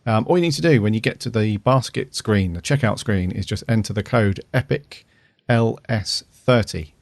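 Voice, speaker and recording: A man hosts a podcast in casual chat. His voice is fairly low and recorded dry, with no room around it. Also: normal speed, vocal fry, a little mellow, no echo. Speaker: podcast host.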